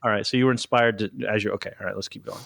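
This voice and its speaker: Teasing podcast host, dry sound. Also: male voice, on the low side, steady tone, gravelly, a bit bright, no room sound. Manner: teasing, quick to laugh, restarts. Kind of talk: casual podcast chat.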